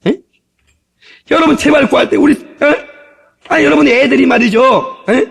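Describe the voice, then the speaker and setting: A middle-aged male pastor preaching an animated, jokey sermon with shouted hallelujahs, from an old tape. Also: very high voice, moderate pace, creaky. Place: church sanctuary.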